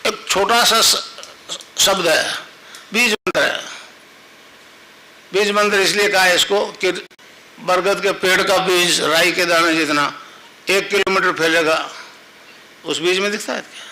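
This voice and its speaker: Older guru man, high sharp voice, repeats chants to a crowd. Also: fairly even intonation, a little slow, pauses often, rough recording. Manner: rhetorical checks on listeners, repetitive chanting demonstration. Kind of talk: spiritual discourse to a live audience.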